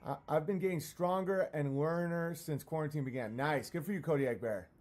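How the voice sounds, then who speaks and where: A man on a casual livestream, rambling and halting as he answers comments with profane, self-deprecating talk. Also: on the high side, darkish tone. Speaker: live streamer.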